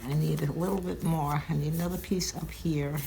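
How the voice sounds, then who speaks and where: A warm, creaky, low voice belongs to an older woman who sounds slightly stuffy, keeping a steady tone and a brisk pace. She hosts a laid-back craft demonstration indoors at her home craft table, chatting and musing aloud as she works amid audible crinkling.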